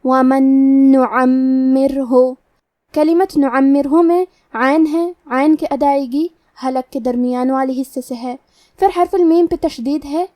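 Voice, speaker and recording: High-voiced woman teaching Quran recitation. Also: dark tone, no room sound, studio quality. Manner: explains letter by letter, then recites slowly and drawn out. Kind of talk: tajweed lesson with slow recitation.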